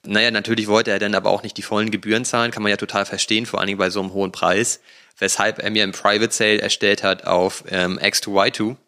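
A man co-hosting a laid-back podcast, his voice sitting a little low but with a bright, forward edge. He tells his stories at length, rambling along with plenty of fillers and asides. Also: flat delivery, fast talker. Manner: chatty storyteller, rambling with fillers. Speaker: podcast co-host. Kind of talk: casual podcast chat.

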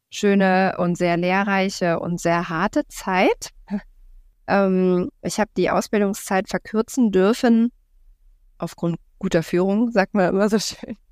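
A woman's voice: on the low side, a little mellow, clear, resonant tone, dry recording. Woman in her thirties, dry close sound. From Berlin, Germany. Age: 30s. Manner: thoughtful, many filler sounds and pauses. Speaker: podcast guest, real estate investor. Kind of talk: casual interview talk.

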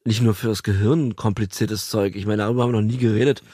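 A man's voice: fairly low pitch, fairly even intonation, fast talker, warm tone, slightly rough, no echo, studio quality. A man co-hosting a podcast, hesitant with many fillers and a teasing manner. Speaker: podcast co-host. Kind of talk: casual chat.

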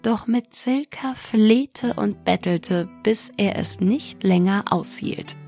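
A woman reads a fairy tale aloud in calm, measured storybook narration. Her delivery is unhurried and her voice has a gravelly texture, with faint music beneath. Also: medium pitch.

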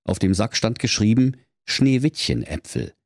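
A man's voice: on the low side, very animated, a little slow, a little mellow, breathy edge, no room sound, studio quality. A man narrating a comic fairy tale in a mock-solemn storytelling manner. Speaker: podcast host and narrator.

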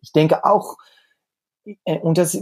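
Dutchman talking haltingly in an interview. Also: fairly high pitch, steady tone, darkish tone. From Netherlands. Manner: halting, searching for words in German. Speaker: cabaret performer, interview guest. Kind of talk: casual conversational interview.

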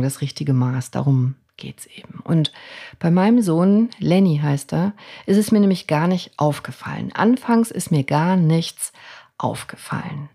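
Low, gravelly-voiced woman telling a story. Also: mellow. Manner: reflective, conversational, with frequent restarts. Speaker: podcast host; doctor and mother. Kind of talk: personal storytelling monologue.

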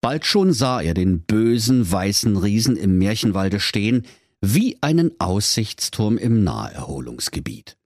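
Male narrator, comic fairy tale, slow, very lively melody, dry close sound. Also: on the low side, no room sound. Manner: playful, theatrical, pun-filled. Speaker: storyteller.

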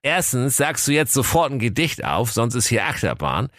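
A man's voice: medium pitch, sing-song, moderate pace, a bit bright, dry recording, clean studio sound, pitched above the performer's own voice. A man voicing a sly, bossy big bad wolf, snappy and impatient, in a comic storybook reading. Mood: bossy scheming.

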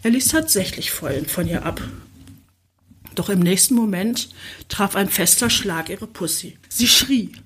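A woman reading an erotic novel aloud as audiobook narration, slow and sensual. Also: mid-range voice, animated, fairly bright tone, husky.

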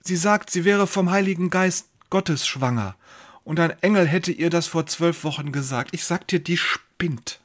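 A man voicing an embarrassed older village father who speaks hushed and urgently. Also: fairly high pitch, normal speed, natural voice.

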